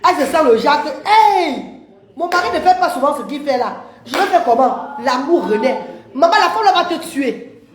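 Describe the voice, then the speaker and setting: A woman's voice: high voice, lively intonation, moderate pace. A woman hosting a livestream, chatting animatedly with viewers, laughing often and calling them maman and papa. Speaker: livestream host. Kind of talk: casual live chat reading comments. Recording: echoey room.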